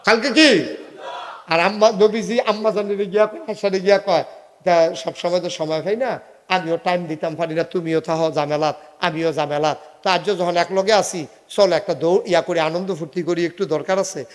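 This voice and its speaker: In a reverberant hall, a man preaches a humorous sermon, telling a story, acting out dialogue and joking with the audience in an animated way. His voice sits high and moves fairly quickly.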